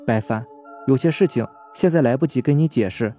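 A man voicing a calm, earnest young male chemistry teacher, speaking low and steady. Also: brisk, faint music behind, natural voice.

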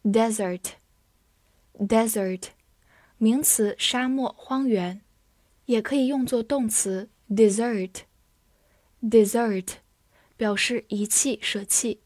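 Reading an English vocabulary review, a woman with a voice on the high side pronounces each word twice, deliberately, then states its part of speech and meanings. There is no echo.

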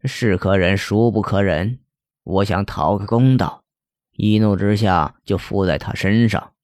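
A man voicing the ghost of a starved old-time male scholar who speaks in a bookish, lamenting, measured way. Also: on the low side, darkish tone, no echo, clean studio sound, close to an everyday voice. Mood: aggrieved.

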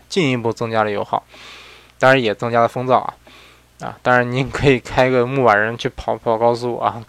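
A man hosts a car talk in a loose, conversational way, keeps tossing out rhetorical questions and adds joking asides about himself. His voice sits at an ordinary middle pitch and sounds smooth and clean. The recording is close and dry, with no room sound. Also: no room sound. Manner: self-mocking, chatty asides. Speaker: car reviewer and show host. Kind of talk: casual spoken car commentary.

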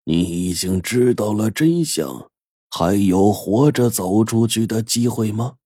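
A man voicing a scheming, gloating rich old boss in an audio story, speaking slowly and menacingly. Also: lowish voice, dark tone, husky, dry recording, clean studio sound.

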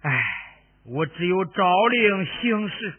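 An old loyal servant, sighing and lamenting, slow and high, phone-like sound. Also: male voice, animated, breathy edge, exaggerated voice. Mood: grieving. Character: old loyal male family servant, grieving. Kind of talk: Henan opera spoken dialogue. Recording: tinny phone-like recording.

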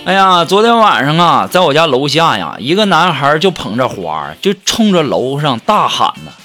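A man delivers a comic monologue, his high voice swinging widely in pitch. He tells his jokes in a chatty storytelling way. Music plays clearly behind him. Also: very animated, normal speed. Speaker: comedian.

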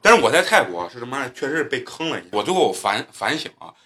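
Man, podcast host, fast-talking, bright voice, foul-mouthed storytelling. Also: mid-range voice, very animated. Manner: profane, boisterous, joking. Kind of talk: casual storytelling chat.

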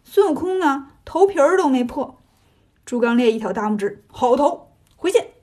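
A woman narrates a children's tale in a playful, chatty tone, bringing the action to life. Her voice is high and husky. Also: expressive, normal speed, warm tone. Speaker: storyteller. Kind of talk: lively children's story narration.

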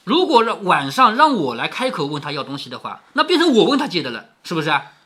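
A male storyteller reads a classic novel aloud and stops often to explain it in a chatty, questioning way. His pitch swings very widely, and his voice has a bright, forceful edge. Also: wildly swooping pitch, fast. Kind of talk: storytelling with commentary.

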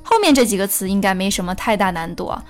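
A woman teaching English pronunciation in a lesson, patiently repeating phrases slowly as she demonstrates them. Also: mid-range voice, expressive, soft background music.

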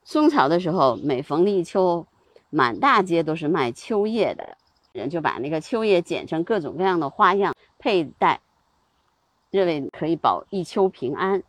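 Chatty woman host, husky and lively, fillers and light laughs. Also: on the low side, normal speed, no room sound. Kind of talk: casual spoken talk on seasonal customs.

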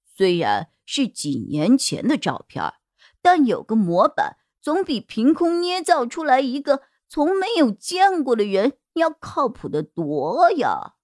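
Woman, audiobook narrator, detective story, slow and lively in pitch, dry close sound. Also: dry recording. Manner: expressive storytelling. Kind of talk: scripted narration of a detective novel.

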